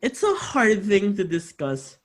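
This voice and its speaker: A man's voice: sits high, sing-song, unhurried, poor audio. A young man hosting a casual podcast, rambling with lots of fillers and restarts. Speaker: podcast host. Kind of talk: casual podcast chat with narrated links.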